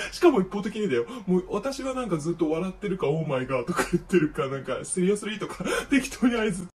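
A man's voice: sits high, very animated, a little fast. A young man telling a gossipy story in a feminine speaking style, acting out his friends' lines with flair. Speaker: vlogger. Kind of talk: casual storytelling monologue. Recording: faint noise, distant from mic.

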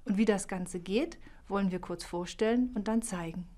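Calm middle-aged woman lecturer. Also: medium pitch, moderate pace. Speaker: linguistics lecturer, keynote speaker. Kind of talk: scripted video trailer.

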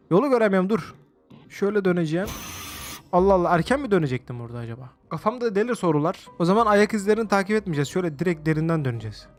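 A man excitedly commenting on his own gameplay, exclaiming often and chatting to his viewers as he plays. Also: high-pitched. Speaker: gaming video host. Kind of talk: let's-play game commentary.

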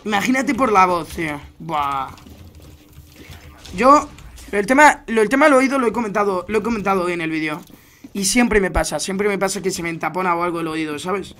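A young man with a Spanish accent from Spain, chatting casually while streaming a game, slangy and animated when he tells a story. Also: high-pitched, brisk. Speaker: gaming streamer. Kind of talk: casual gaming stream chat.

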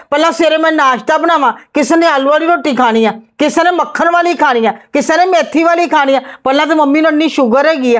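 A woman's voice: high-pitched, natural voice. A woman playing an indignant overworked daughter-in-law. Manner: indignant, lecturing and complaining. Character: overworked, fed-up young wife arguing with her in-laws. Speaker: daughter-in-law in a family skit.

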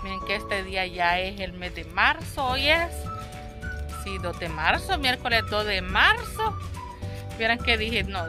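High-voiced Salvadoran woman vlogging casually. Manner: conversational, addresses viewers as little friends. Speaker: vlog host. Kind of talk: casual chatty shopping vlog. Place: outside storefronts, then inside a large discount store. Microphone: handheld phone at arm's length.

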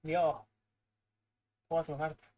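A young man from Spain with a Spanish accent, giving live gameplay commentary, excitable and swearing, muttering to himself as he plays. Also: a little high, slow pace, muffled recording. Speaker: streamer.

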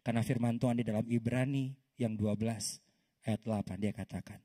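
A man's voice: medium pitch, brisk. A man, a pastor in his thirties, preaching a sermon and telling a personal story while often calling out to the congregation. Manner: lively storytelling that often calls the congregation "saudara". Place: church service.

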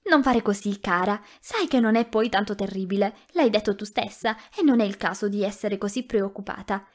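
A woman reading an audiobook, voicing a gentle, tactful young woman who speaks softly and a little breathlessly. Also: medium pitch, moderate pace, lightly acted. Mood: anxious. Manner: soft, eager, slightly breathless. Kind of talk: audiobook character voice.

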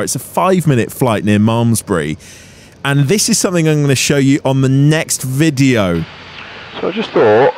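In a low-quality recording with slight background noise and a faint engine drone, a pilot narrates his vlog and talks from the cockpit. He is an Englishman in his thirties with a medium-pitched voice. His take on flying is matter-of-fact.

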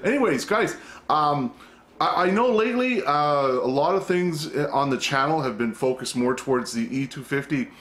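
A man's voice: on the high side, lively intonation, normal speed, a bit bright. A middle-aged man hosting his own channel, chatting loosely to camera at home, rambling and self-interrupting, with the odd curse word. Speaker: vlog host. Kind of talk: casual chat to camera. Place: at home, indoors.

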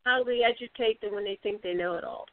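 A woman's voice: mid-range voice, fast talker, no room sound. A woman radio host moderating an interview and asking probing questions. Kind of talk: hosting an interview. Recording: tinny phone line.

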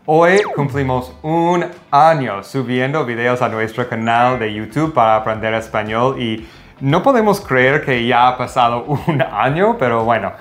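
A man in his forties from the United States with an American English accent, speaking learned Spanish in a relaxed, halting way as co-host, on a lapel mic in a home kitchen. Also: mid-range voice. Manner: relaxed, halting, with fillers and restarts. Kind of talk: casual chat in learned Spanish.

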